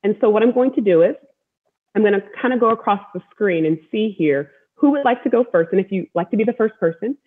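An American woman hosts an online group over a video call from a room at home, welcoming and encouraging everyone and repeating words for emphasis; she's a storytelling athlete. Her mid-range voice is lively and fast, heard through a wireless earbud in narrow-band call audio.

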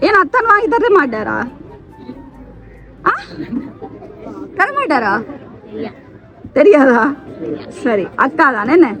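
High-voiced Sri Lankan Tamil woman. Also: big pitch swings, slow pace, long pauses, a bit bright, soft background music, a faint crowd. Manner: coaxing, questioning, playful teasing. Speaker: surprise delivery presenter. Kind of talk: lively on-the-spot chat with a family.

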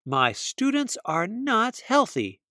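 A man voicing a kind, firm female fox teacher in a storybook, gentle but encouraging. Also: sits high, huge pitch swings, slow pace, dry recording, studio quality, voice pushed up, exaggerated voice.

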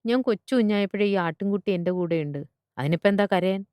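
A woman's voice: medium pitch, fast talker, a little mellow, clean tone, dry recording, studio quality, lightly acted. A woman reading a story aloud and voicing a weary woman schoolteacher who coaxes and persuades. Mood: coaxing. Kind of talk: storybook character voice.

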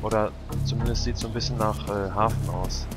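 Brief: deep-ish male gamer, mumbly, game music behind. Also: steady tone, fairly quick. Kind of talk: casual gameplay chat.

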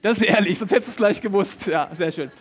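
A man preaches with a high, lively voice in a church hall, addressing the congregation directly. He reads Bible passages aloud and acts out the quoted people as he goes. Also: fast, breathy edge. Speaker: pastor. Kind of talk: lively sermon with Bible reading. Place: church service hall with an audience. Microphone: stage microphone.

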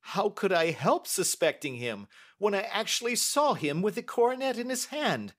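A man's voice: sits high, big pitch swings, normal speed, fairly bright tone, voice pushed up, full character voice. A man voicing an impatient, indignant older banker in emphatic, formal Victorian speech for an audiobook. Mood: indignant, insistent. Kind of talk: audiobook character acting.

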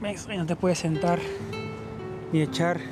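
A Peruvian man in his thirties, working as a travel vlogger, casually explains things to his viewers, mostly while outdoors on city streets. His voice is high, fairly even in intonation and a little slow, with background music playing behind him.

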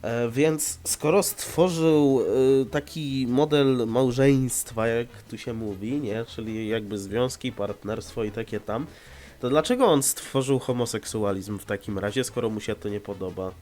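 A man's voice: mid-range voice, a little slow, darkish tone. A man with a slightly stuffed-up, nasal voice giving casual, blunt and sarcastic reaction commentary. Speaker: host of a reaction video.

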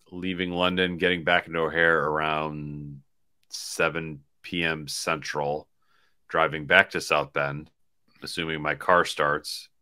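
The laptop video call carries an extremely low, smooth voice that comes across pushed and bright. It's a man in his forties co-hosting a sports podcast from a small hotel room, rambling casually in postgame chat.

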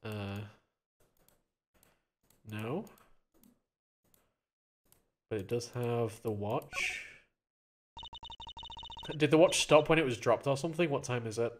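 A let's play gamer reads game dialogue aloud and comments on the playthrough, playfully jumping into higher character voices. He speaks slowly with frequent pauses, and there's slight background noise.

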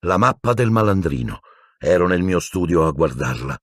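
Guy doing a patient wizard teacher, steady and explaining, husky low voice. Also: no room sound, studio quality. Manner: measured, explaining, mildly impatient. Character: calm, patient middle-aged male wizard teacher.

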